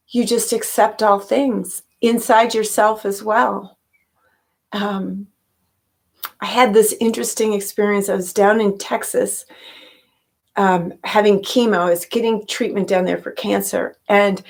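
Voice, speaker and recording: Slow, gentle older woman teaching meditation. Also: mid-range voice. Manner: slow, gentle and reflective, with soft fillers. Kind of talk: spoken reflection and guided meditation.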